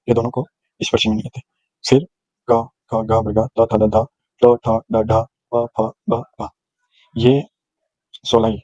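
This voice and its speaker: A man's voice: mid-range voice, a little mellow, rough recording. A male teacher giving a grammar lesson, explaining patiently and sounding out letters one at a time. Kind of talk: classroom lecture on grammar.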